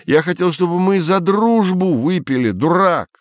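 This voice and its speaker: A man voicing a young Soviet scientist who speaks in a loud, heated, insistent way in a storybook reading. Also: sits high, lively intonation, normal speed, no room sound, clean studio sound, pitched above the performer's own voice. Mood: flustered.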